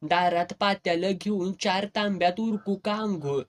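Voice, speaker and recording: Man reading as a cheeky, bossy village girl, pitched a touch high, storybook reading. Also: moderate pace, lightly acted. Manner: brash, teasing, bossy. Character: bold, mischievous village girl, quick-tempered.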